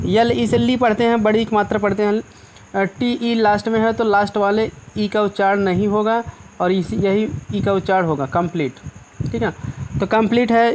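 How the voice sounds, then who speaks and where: A male English teacher slowly explaining pronunciation rules, spelling words out letter by letter. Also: sits high, a little hiss or hum, rough recording. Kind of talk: explanatory lesson.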